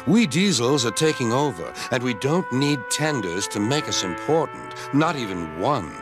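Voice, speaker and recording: A man voicing a sly, scheming male diesel engine with a smooth, menacing way of talking, with music behind. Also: mid-range voice, sing-song, normal speed, close to an everyday voice.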